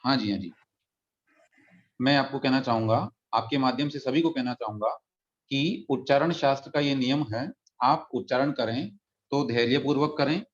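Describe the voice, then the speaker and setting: A man teaching a religious text in an online class, patiently explaining pronunciation and slowly chanting verses. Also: medium pitch. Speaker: scripture teacher. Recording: dull lo-fi audio.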